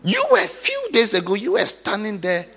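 Guy preaching big, bright husky voice, pitch jumping all over, long echo hall. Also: huge pitch swings, normal speed. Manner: dramatic preaching, swings between hushed storytelling and loud exhortation. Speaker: pastor. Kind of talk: sermon.

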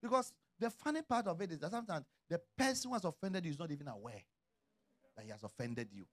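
Animated, bright-voiced preaching pastor, a man. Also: on the high side, fast talker. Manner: preaching with big swings from quiet to shouting. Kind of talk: sermon.

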